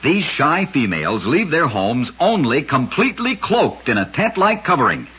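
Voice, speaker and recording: A male radio narrator with a raspy, fairly high voice and a bright edge tells short scripted tales at a normal speed. His delivery swoops and is very animated, with dramatic emphasis like a vintage broadcast host. The recording sounds dull and lo-fi.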